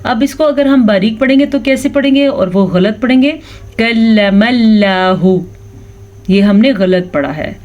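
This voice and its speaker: A woman teaching a tajweed lesson in Urdu, explaining rules patiently and then slowly drawing out the example words. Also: medium pitch, a little mellow. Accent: Pakistani Urdu. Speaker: Quran recitation teacher.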